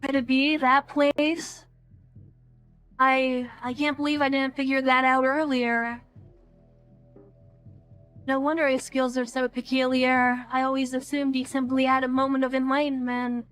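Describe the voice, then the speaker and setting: High-voiced woman reading game text. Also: level tone, moderate pace, a bit bright, smooth, soft background music. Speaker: let's play streamer.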